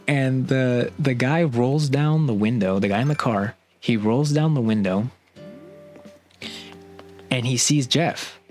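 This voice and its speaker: A man's voice: mid-range voice, slow pace, long pauses, darkish tone, soft background music. A young man casually recounting a work story, rambling with lots of "like" and restarts, sounding bewildered. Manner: rambling, heavy use of "like", restarts; exasperated, bewildered retelling.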